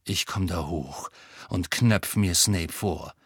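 Sirius, a man doing a low, hot-headed wizard. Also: lively intonation, a little slow, creaky, breathy edge, no room sound, studio quality, full character voice. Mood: emphatic.

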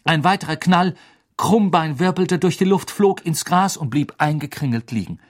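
A man narrating an audiobook in a dramatic, expressive storytelling manner. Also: on the high side, normal speed.

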